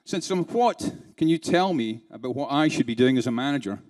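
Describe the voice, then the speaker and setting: A man's voice: medium pitch, expressive, brisk, a little mellow. A man giving a keynote talk to a live conference audience, peppering them with rhetorical questions and playful asides. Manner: laughs between points, playful. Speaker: keynote speaker.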